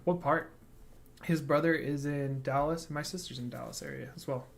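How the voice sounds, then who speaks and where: A man's voice: a little high, fairly even intonation, moderate pace, creaky. A man co-hosting a casual reaction livestream, chatty and joking as he reads viewer comments aloud. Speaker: reaction channel co-host.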